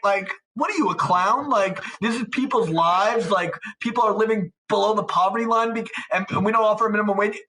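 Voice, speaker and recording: High, bright-voiced ranting man. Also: fairly quick, hardly any pauses, rough recording. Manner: ranting, sarcastic, mocking imitations. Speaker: podcast co-host. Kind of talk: casual chat.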